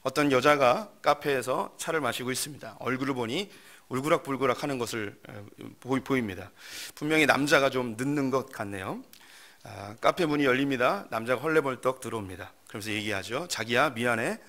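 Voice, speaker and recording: A male pastor preaching a sermon, explaining the point in a measured, storytelling way. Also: mid-range voice, fairly bright tone. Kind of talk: sermon with acted-out skits.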